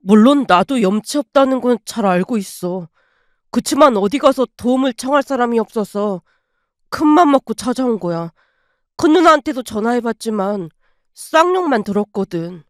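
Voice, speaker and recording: A woman voicing a sick, shameless middle-aged father who pleads in a low, slow, whining voice. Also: animated, dry recording, studio quality, lightly acted. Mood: pleading.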